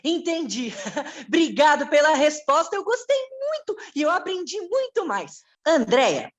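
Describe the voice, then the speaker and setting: A woman's voice: high-pitched, sing-song, unhurried. A woman voicing a curious, polite young boy who interviews guests on a children's show. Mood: earnest. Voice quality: childlike, wide-eyed and earnest.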